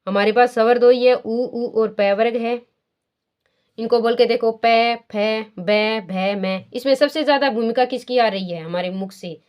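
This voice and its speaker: A woman with a voice a little above the usual pitch teaches a grammar lesson. She poses questions and answers them herself, repeats the key terms, and slows right down to draw out each sound she demonstrates. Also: darkish tone. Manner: draws out sounds slowly to demonstrate pronunciation.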